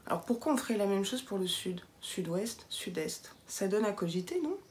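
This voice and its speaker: A young woman vlogger from southwest France talks to camera in a casual, playful way. Her southwestern French accent is faint. Her voice sits at a middling pitch. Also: moderate pace. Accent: southwestern French, light. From southwest France (Béarn). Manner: chatty, playful, lively asides.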